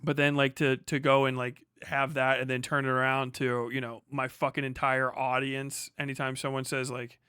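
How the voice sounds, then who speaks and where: This American streamer delivers casual commentary with a flat delivery, reading and replying to chat in a profane, slangy, wandering manner. His medium-pitched voice is sharp yet clean, moving at normal speed with few pauses in a dry, clean studio recording.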